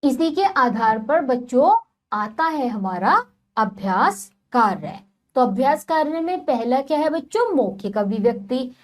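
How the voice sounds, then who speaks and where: A woman's voice: high-pitched, lively intonation, unhurried. A woman teaching a children's lesson, talking to the children directly in a sing-song way and spelling words out sound by sound. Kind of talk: children's Hindi lesson on vowel signs.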